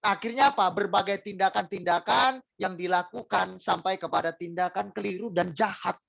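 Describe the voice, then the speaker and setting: A man's voice: high voice, normal speed, gravelly, fairly bright tone, dry recording, rough recording. A man preaching a sermon in an Indonesian accent, speaking straight to the congregation with rhetorical questions and emphatic repetition. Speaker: pastor.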